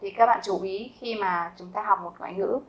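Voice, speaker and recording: A Vietnamese woman talks through a German grammar lesson at a steady, mid-pitched level. She explains each rule patiently and asks her students rhetorical questions. She slows right down to say each example sentence twice. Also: lo-fi sound. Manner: repeats example sentences slowly and carefully. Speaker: German teacher.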